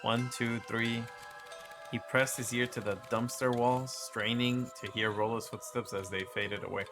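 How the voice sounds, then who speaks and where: A man's voice: mid-range voice, level tone, a little slow. A man hosting a gaming video, reading the dialogue and narration aloud with casual, chatty asides. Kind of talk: reading game dialogue aloud while playing. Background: game music.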